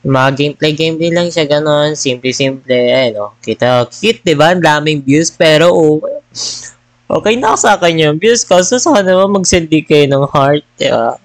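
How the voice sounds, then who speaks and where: A man's voice: on the high side, animated, normal speed, no room sound. Casual rambling man on a dry headset mic. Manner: rambling, mixes Tagalog and English. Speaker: gaming vlogger. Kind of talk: casual chat.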